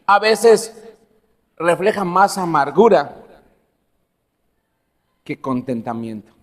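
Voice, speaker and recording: A man's voice: on the high side, takes it slowly. A man preaching a sermon as pastor, telling personal stories and asking the congregation questions. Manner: animated, laughs at own stories, asks the congregation questions. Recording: long hall reverb.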